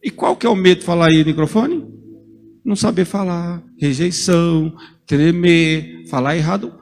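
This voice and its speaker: A man preaching a sermon as a pastor, lively and joking, calling on people in the congregation by name. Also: a little high, moderate pace, long reverb tail, soft background music.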